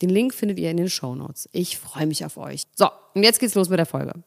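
A woman's voice: lowish voice, animated, a little fast, gravelly. A woman co-hosting a podcast, chatting in a giddy, self-mocking way about celebrity gossip. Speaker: podcast co-host. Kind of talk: casual gossip chat.

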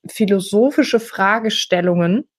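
A woman around thirty, a guest on a podcast, speaking bluntly and candidly in relaxed conversation. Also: mid-range voice. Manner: outspoken, blunt, quick asides. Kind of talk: casual interview chat.

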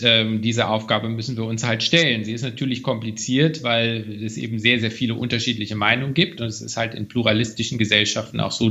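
A man's voice: medium pitch, fairly bright tone, lo-fi sound. A man, a museum director, answering podcast interview questions thoughtfully with many fillers and restarts.

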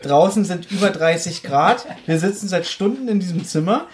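A man's voice: high-pitched, animated, normal speed. A young man co-hosting a podcast and playing a quiz in a small room, self-assured, pedantic and teasing. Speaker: podcast co-host, quiz contestant. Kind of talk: casual podcast chat. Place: small hot room at a desk mic.

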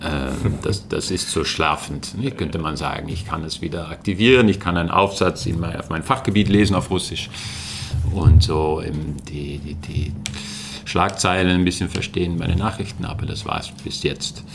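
A deep, gravelly-voiced man from the Netherlands, whose first language is Dutch, gives casual interview answers as a guest and works as a linguistics lecturer. He speaks at a moderate pace but hesitantly, with many fillers and restarts, and there is a little hiss or hum in the recording.

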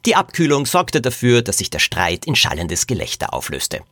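Lively man reading a story aloud. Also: medium pitch, moderate pace, dry recording, studio quality. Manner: lively storytelling, addresses listeners. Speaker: podcast host and storyteller. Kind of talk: reading a children's mystery aloud.

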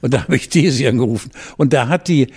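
Husky man telling stories. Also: medium pitch, fast, darkish tone. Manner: rambling storyteller, acts out quoted voices. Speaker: podcast co-host. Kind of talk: casual chat.

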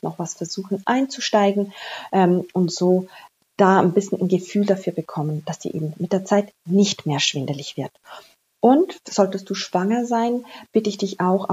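A woman's voice: mid-range voice, mellow, husky, highs cut off. A woman giving informal instruction on a breathing exercise, explaining in a personal way and addressing the listener directly.

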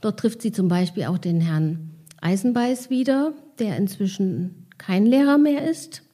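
A woman reading her own novel in calm, measured first-person narration, with casual asides in between. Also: mid-range voice.

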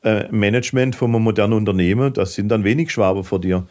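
This man has a lowish voice and talks fast with the Swabian accent of southern Germany. As a podcast guest he spins casual stories in an animated, fidgety way, using dialect.

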